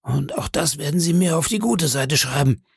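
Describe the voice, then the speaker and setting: A man's voice: fairly high pitch, animated, moderate pace, creaky, husky, no room sound, clean studio sound, pitched above the performer's own voice, full character voice. A man voicing a wily old male pirate cook who talks in an ingratiating, bargaining way in an audiobook reading. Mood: wheedling.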